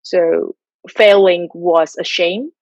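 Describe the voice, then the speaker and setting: Her voice is lowish and darkish, steady and slow, as the Malaysian guest responds to questions over a video call from her Tokyo home. She offers earnest motivational advice on mindset and habits, and the sound is dull without any echo.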